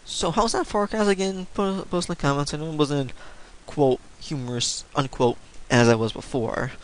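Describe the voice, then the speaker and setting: A man giving a casual amateur weather forecast video, rambling and apologetic, with sudden excited jumps in pitch. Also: moderate pace, slight background noise, rough recording.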